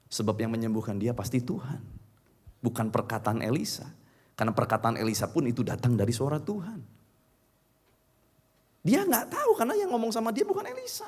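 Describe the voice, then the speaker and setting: A male pastor preaching an emphatic sermon into a stage microphone in a church hall. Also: fairly high pitch. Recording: long church-hall reverb.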